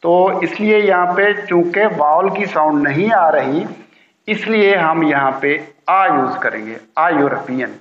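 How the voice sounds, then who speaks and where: A man teaching a grammar lesson, patiently repeating key words slowly. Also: on the high side, animated. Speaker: English teacher. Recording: roomy, dull lo-fi sound.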